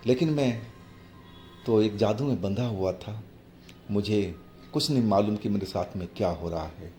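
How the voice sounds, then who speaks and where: Slow, low-voiced male horror storyteller. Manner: slow, halting, hushed retelling. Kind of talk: first-person horror story narration. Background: faint music.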